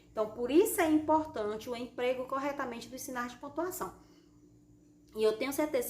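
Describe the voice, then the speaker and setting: A Brazilian primary school teacher giving a recorded lesson, explaining patiently and reading example sentences with strong expressive intonation. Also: female voice, on the high side. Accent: Brazilian Portuguese. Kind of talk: recorded remote class lesson. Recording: echoey room with faint background noise.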